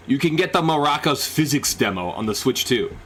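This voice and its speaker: A young man reacting on a live stream, rambling and bursting into excited shouts. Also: medium pitch, brisk, a little hiss or hum.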